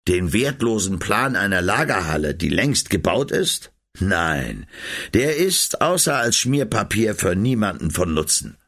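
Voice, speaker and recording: A man's voice: on the low side, sing-song, measured pace, fairly bright tone, full character voice. A man voicing a worried, puzzled middle-aged architect uncle in a storybook reading. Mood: dismissive. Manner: puzzled, reasoning aloud.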